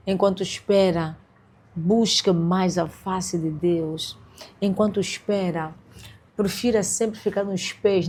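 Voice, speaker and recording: A woman's voice: lowish voice, warm tone. A woman hosting a faith podcast, affirming her guest and then exhorting listeners in repeated phrases. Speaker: podcast host.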